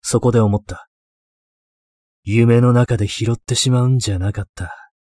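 A man voicing an eccentric, obsessive male occult enthusiast in a ghost story, terse, low-key and matter-of-fact. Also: steady tone, normal speed, darkish tone, no echo, clean studio sound, close to an everyday voice. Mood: wistful, matter-of-fact. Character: eccentric, obsessive male occult-loving mentor, deadpan and wistful.

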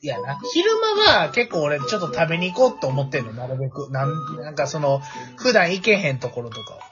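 A man's voice: on the high side, very animated, fairly quick, lo-fi sound, over music. A man with a Kansai accent chatting casually as a podcast guest, rambling with many fillers and restarts. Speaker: guest, office worker in sales.

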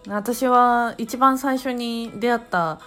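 A woman around thirty, a podcast host telling a story at home in a casual, animated way and laughing often. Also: fairly high pitch, slow pace, faint music behind.

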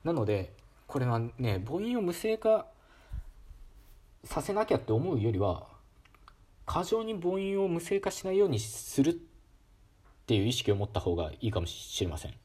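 Calm husky man explaining pronunciation. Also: a little high, normal speed, long pauses. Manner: calm, explanatory, many fillers, demonstrates sounds aloud. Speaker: solo talk host explaining linguistics. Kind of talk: casual educational monologue.

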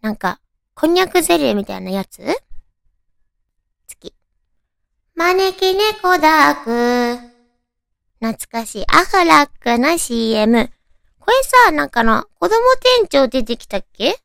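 A woman's voice: sits high, very animated, moderate pace, vocal fry, fairly bright tone, dry recording, clean studio sound. A woman with a naturally cute, girlish anime voice hosts a chatty solo radio show, talking playfully to listeners as friends.

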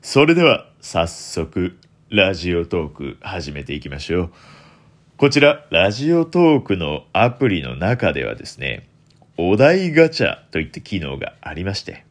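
Hosting a solo radio talk, a young man puts on a deliberately deep, velvety voice. His manner is playful and self-mocking.

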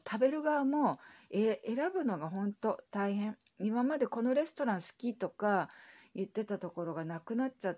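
A Japanese-born woman podcaster telling anecdotes in a casual solo chat, with lots of fillers. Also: mellow. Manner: chatty storytelling with many fillers; acts out quoted voices in a raised pitch.

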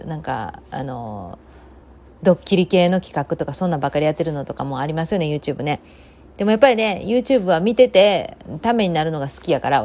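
Woman, Kansai accent, low voice, very lively intonation, chatty rambling monologue, opinionated. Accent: Kansai Japanese. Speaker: host of a talk segment. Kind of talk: casual solo monologue.

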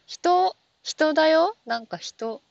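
A woman's voice: high-pitched, lively intonation, takes it slowly, vocal fry, dry recording, lo-fi sound. A woman talking alone in a casual monologue, rambling and full of fillers, often stopping to question herself aloud. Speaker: app talk show host.

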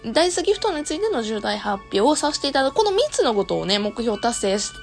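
A woman with a Kansai accent and a hoarse, worn-out voice, chatting casually to listeners as a show host and often laughing. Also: fairly high pitch, sing-song, fast, faint music behind. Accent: Kansai Japanese. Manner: laughs often while talking. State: hoarse, worn voice after long streaming. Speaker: host of an audio talk show and live streamer. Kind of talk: casual solo talk to listeners.

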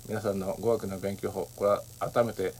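A man hosting a solo audio talk, speaking politely and thoughtfully with many pauses and fillers. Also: on the low side, level tone, darkish tone, slight background noise. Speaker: podcast host.

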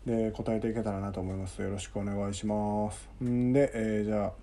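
A man's voice: fairly low pitch, little pitch movement, brisk, noisy background. A man in his thirties with a Kansai accent, hosting his own podcast and telling a story from his school days in a rambling, chatty way. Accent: Kansai Japanese. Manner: rambling, chatty, repeats himself while recalling. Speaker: podcast host. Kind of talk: casual solo podcast storytelling.

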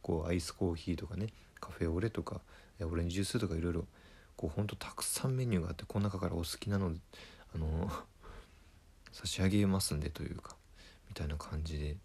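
A man, a comedian, telling a story in a casual monologue, retelling it in a lively way and acting out the quoted lines. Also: low voice, fast talker, slightly rough.

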